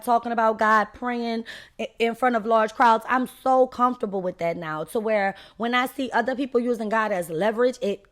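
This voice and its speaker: Woman, faith podcast host, unscripted and emphatic, preachy y'all delivery, mid-pitched voice. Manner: emphatic, preachy, addresses listeners directly as y'all.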